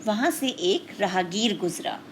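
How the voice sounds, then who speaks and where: Speaking at a measured pace in a medium-pitched, animated voice, a woman teacher presents a scripted storytelling lesson to children. Her approach is didactic, explaining the moral and questioning her listeners directly, with a little hiss or hum on the recording.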